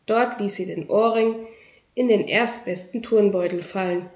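A woman's voice: medium pitch, a little slow, darkish tone. Woman reading a children's story. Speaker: audiobook reader. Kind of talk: children's book narration. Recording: roomy echo.

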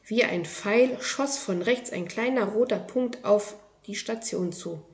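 A woman presenting a children's book series and reading from it aloud, in a calm, clear, measured way. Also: medium pitch.

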